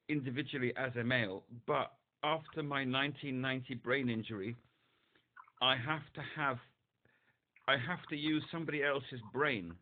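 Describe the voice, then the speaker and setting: A man on a support phone call, talking hesitantly and searching for words, heard over a phone line. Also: mid-range voice. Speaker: caller seeking support.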